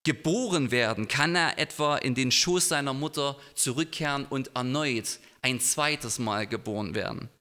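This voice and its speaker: Man putting on a puzzled old male teacher, incredulous questions, bright tone, long church echo. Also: medium pitch, moderate pace, hardly any pauses, lightly acted. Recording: long hall reverb in a church.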